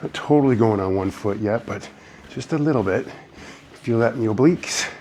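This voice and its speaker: A male fitness instructor leads a beginner trampoline workout, offering encouraging cues and getting out of breath as he bounces. His medium-pitched voice is a little mellow and a little fast, with slight background noise.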